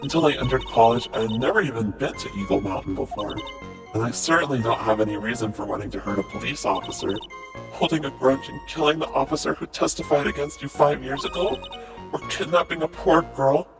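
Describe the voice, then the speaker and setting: A young woman witness rendered as a deep, demonic voice-changer voice. She sits at a middling pitch and delivers measured, pleading denials. Game music plays clearly underneath. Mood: defensive. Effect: demonic voice-changer filter, deep and unnatural. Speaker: game streamer reading all parts. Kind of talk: let's play dialogue reading.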